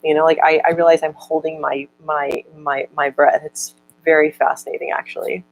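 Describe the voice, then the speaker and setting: A young woman with a low-pitched voice and little pitch movement chats casually, with slight background noise on a low-quality recording. She reads viewer comments slowly and answers them, stuttering often through repeated words and broken syllables.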